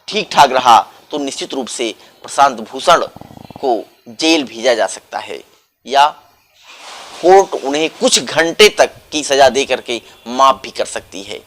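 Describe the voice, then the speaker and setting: A man with a slightly higher voice giving political news commentary as its host. He keeps firing rhetorical questions and punches key words with sudden lifts in pitch. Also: fairly bright tone. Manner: rhetorical questions, emphatic rising stresses.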